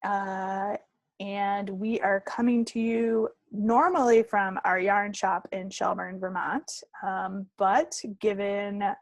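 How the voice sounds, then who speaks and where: She co-hosts a casual podcast from home through an online call, taking her time in a steady, medium-pitched voice. The tone is chatty and playful, with no room sound.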